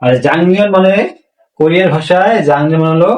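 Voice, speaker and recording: A man teaching a language class, asking rhetorical questions and slowly repeating words for learners. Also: fairly high pitch, a little mellow. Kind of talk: classroom-style language lesson. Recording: echoey room, voice a bit far from mic.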